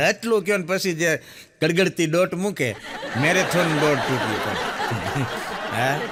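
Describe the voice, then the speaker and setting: A man's voice: a little high, slow, heavy background noise. A man telling jokes on stage as a stand-up comedian, acting out the people in his stories. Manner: animated storyteller, acts out quoted characters. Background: audience laughter.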